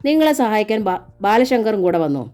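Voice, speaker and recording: Woman reading a strict cop guy, short sharp questions, soft dark tone. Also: medium pitch, big pitch swings, a little fast, soft background music, voice pushed up, natural voice. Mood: stern. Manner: curt, probing questions. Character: stern male police inspector interrogating.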